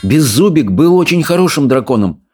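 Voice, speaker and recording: A man's voice: a little high, big pitch swings, moderate pace, music in the background, voice pushed up. A man voicing an earnest, hot-tempered young Viking boy. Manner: earnest, bursts into yelling. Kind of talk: audiobook character voice.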